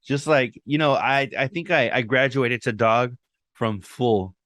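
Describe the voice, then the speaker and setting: A young man co-hosting a podcast chats in a laid-back way, telling stories full of slang and a few Spanish words. His voice is medium-pitched and a bit bright, and his pace is measured.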